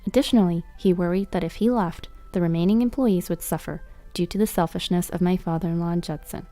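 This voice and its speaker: A woman narrating a scripted story in a steady, even reading voice. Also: lowish voice, fast talker, soft background music.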